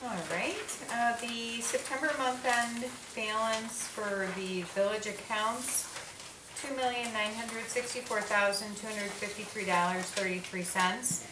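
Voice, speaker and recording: A woman's voice: on the high side, fairly even intonation, unhurried. A woman reading out a treasurer's financial report at a meeting. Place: small indoor meeting room. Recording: echoey room, distant mic, noisy.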